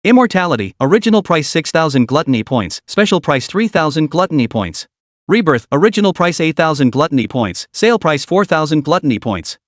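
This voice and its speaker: A man voices an apocalypse game system that announces skills and sale prices in a listing cadence. The pitch is a touch high and lively. The sound is close and dry. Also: brisk, dry recording. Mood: announcing.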